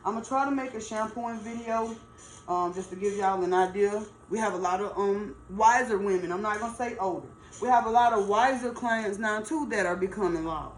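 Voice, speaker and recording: A middle-aged woman speaks in with an average pitch. She chats casually and emphatically, like a folksy stylist giving advice, circling back to stress her points. The room echoes around her voice, with faint noise behind it. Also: a little fast. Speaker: natural hair stylist. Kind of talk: casual chatty advice to camera. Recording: roomy echo, faint background noise.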